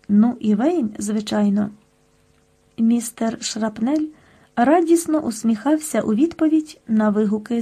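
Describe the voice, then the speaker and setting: A woman narrating a children's audiobook in a lively, expressive storytelling manner. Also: on the high side, breathy edge.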